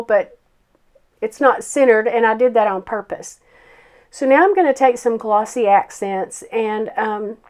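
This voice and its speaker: A grandmother with a medium-pitched, slightly mellow voice talks her way through a card-making tutorial voice-over. A summer cold makes her sound froggy, and she fills the casual narration with ums and self-deprecating asides.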